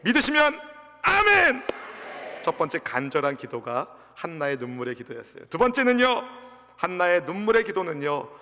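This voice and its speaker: A man, the senior pastor, preaching an impassioned sermon, swinging from loud cries to soft asides and leading his congregation in reading together. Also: high voice, wildly swooping pitch, normal speed, slight background noise. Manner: leads the congregation in responsive reading. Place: church sanctuary. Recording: dull reverberant church sound system.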